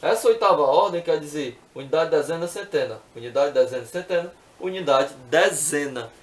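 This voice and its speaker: A man's voice: a little high, expressive, moderate pace, echoey room. A man teaching math, working through exercises patiently step by step and often checking in with the viewer.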